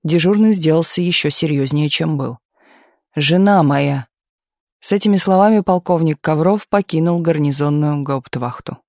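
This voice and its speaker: A man reading a novel aloud as an audiobook narrator, steady and expressive, on a close microphone. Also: fairly high pitch, moderate pace, hardly any pauses, no echo.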